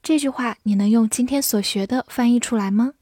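A woman teaching English vocabulary, reading the example words slowly and patiently. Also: on the high side, a little mellow, no room sound, clean studio sound. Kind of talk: vocabulary lesson narration.

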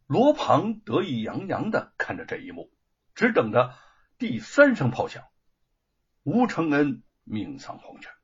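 Dramatic, husky male storyteller. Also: a little high, unhurried. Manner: dramatic and expressive. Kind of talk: dramatic audiobook narration. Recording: dull lo-fi recording.

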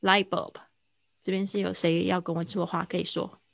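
Teacher: woman, low gravelly voice, dry close sound, slow drilling of vocabulary on a livestream lesson. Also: flat delivery, dry recording. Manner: explains slowly, repeats words for drill. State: hiccuping. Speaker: English teacher.

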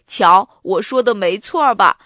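Bright and lively, a cheerful young boy aardvark, played by a woman reading a storybook, speaks in a high, bouncing voice full of eager plans. The sound is close and dry. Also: unhurried, no room sound. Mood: excited.

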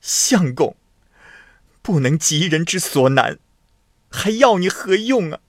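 Crying princess begging her husband, guy doing it, kinda high, husky and dry. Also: animated, unhurried, no echo. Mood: pleading. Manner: pleading, soft then wailing. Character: tearful young princess, clinging and demanding.

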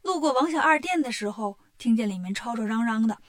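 A woman narrating a children's story with lively, chatty warmth in her delivery. Her voice sits fairly high, and she moves the tale along with an easy, colloquial manner. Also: fairly quick.

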